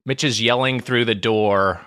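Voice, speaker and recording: Bright, dry-witted male co-host. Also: medium pitch, steady tone, a little slow, smooth, no echo. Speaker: podcast co-host. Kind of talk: casual chat.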